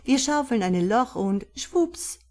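A woman reading an audiobook voices a sly male accomplice who speaks with a clear foreign accent. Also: fairly high pitch, expressive, slow, a little mellow, voice pushed up.

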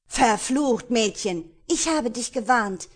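A woman doing a loud, swaggering pirate rogue. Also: fairly low pitch, animated, moderate pace, natural voice. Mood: angry. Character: brash arrogant male pirate rogue.

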